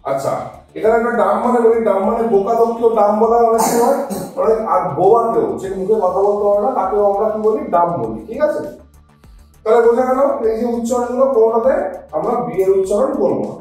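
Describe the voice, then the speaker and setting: A woman's voice: fairly high pitch, quick pace, warm tone, soft background music. A woman teacher leading a classroom pronunciation drill, repeating each word and quizzing the class again and again. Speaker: English teacher. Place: classroom with children. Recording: very echoey room, distant mic.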